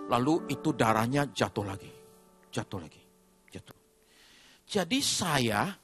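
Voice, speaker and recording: A man delivers a sermon testimony in church, his voice pitched high and ringing bright. He swings between loud emphatic peaks and hushed low passages, repeating key words for effect. Soft music plays behind him. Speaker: preacher giving testimony. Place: church service before a congregation.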